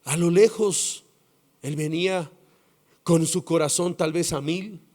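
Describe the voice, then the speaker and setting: A Colombian-accented pastor preaching a sermon in a high, unhurried voice. He is dramatic, swinging between loud, emphatic stretches and near-hushed lines. Each phrase comes out slowly and deliberately.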